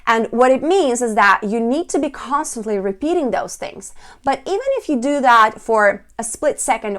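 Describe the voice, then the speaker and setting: Female public speaking coach, slightly high voice, deliberate and emphatic demonstration-style delivery for instructional presentation.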